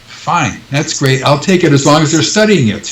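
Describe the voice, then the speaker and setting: A man's voice: fairly high pitch, lively intonation, normal speed, fairly bright tone, roomy sound, distant mic. An older man being interviewed as a guest researcher on a live talk show, talking in an emphatic, insistent way and repeating his points.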